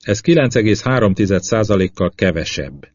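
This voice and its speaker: A man's voice: lowish voice, lively intonation. A man voicing an earnest male astronaut who explains things in an audiobook. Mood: explaining. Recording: slightly dull lo-fi audio.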